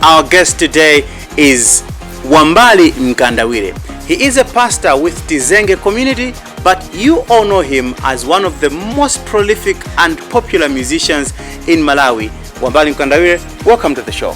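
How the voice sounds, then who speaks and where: A man's voice: fairly high pitch, lively intonation, normal speed, fairly bright tone, faint music behind. A man hosting an interview, asking curious questions and short follow-ups. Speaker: talk show host.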